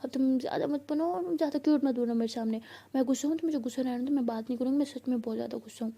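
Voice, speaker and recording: A woman's voice: sits high, rapid-fire, warm tone. A woman voicing a sick young woman who pleads and sulks at her girlfriend in a whiny, pouting way. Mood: sulky.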